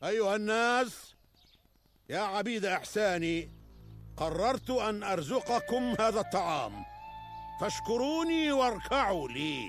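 A man's voice: high-pitched, sing-song, normal speed, a bit bright, soft background music. Imperious pharaoh-like tyrant king, dramatic swings. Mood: grandiose, commanding. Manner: imperious, pompous, declamatory, like a pharaoh. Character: arrogant tyrant king proclaiming himself a god, pharaoh-like. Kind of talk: Arabic historical drama acting.

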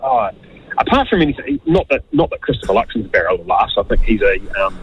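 A man's voice: on the low side, wildly swooping pitch, quick pace, gravelly, breathy edge. A man calling in to a radio show over a phone line, chatting bluntly and jokingly. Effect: heard over a phone line. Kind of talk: casual phone-in chat.

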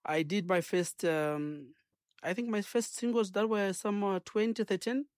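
A Zambian man with a fairly high voice speaks as a guest in a radio studio. He is earnest and preachy, rambling with plenty of "uh" and "um". The room is dry and close. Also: fairly even intonation, normal speed, no echo. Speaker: gospel singer and minister guest. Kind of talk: radio interview.

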